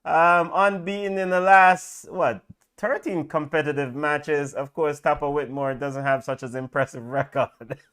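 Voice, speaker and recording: A man co-hosting a football watch-along, talking through the match in a lively, casual way with frequent fillers. His voice sits a little high and sounds smooth and resonant. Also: measured pace.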